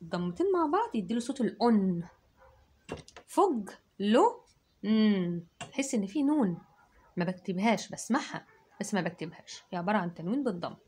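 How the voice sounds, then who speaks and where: A woman's voice: mid-range voice, big pitch swings, fast talker, darkish tone, a little hiss or hum. A woman teacher with an Egyptian accent, giving a spelling and dictation lesson to children, sounding out letters and syllables one by one. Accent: Egyptian Arabic.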